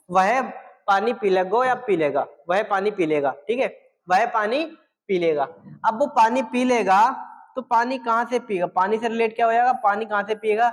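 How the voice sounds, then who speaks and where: A man's voice: high-pitched, in a large hall. A man teaching an exam-prep vocabulary lesson, repeating key words and quizzing viewers with questions.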